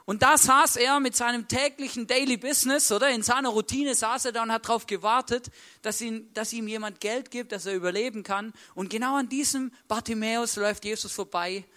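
A man's voice: very high-pitched, a little fast, pushed and bright. A male preacher retelling a story in a casual, colloquial way, constantly tagging sentences with a questioning "right?" and acting out the people's lines. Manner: acts out the voices of the story's people. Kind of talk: sermon with storytelling.

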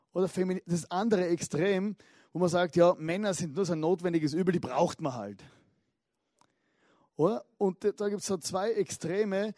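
A man preaching a lively sermon, telling stories and tossing in frequent asides. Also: sits high, no room sound, studio quality. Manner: animated storytelling with frequent asides.

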